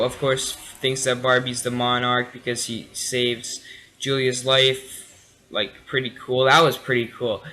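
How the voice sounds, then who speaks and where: A man's voice: mid-range voice, sharp tone, low-quality recording. A tired young man casually reviewing a TV episode late at night, rambling with many fillers and restarts. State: tired, yawning.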